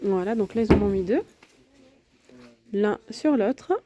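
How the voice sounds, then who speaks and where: A woman talks casually through a large home improvement store, her voice mellow and mid-pitched. She lists prices and sizes in a chatty, easygoing way, full of fillers. The sound is picked up on a handheld phone as she walks the aisles. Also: animated, a little slow. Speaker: vlogger touring a store. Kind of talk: casual shopping walkthrough.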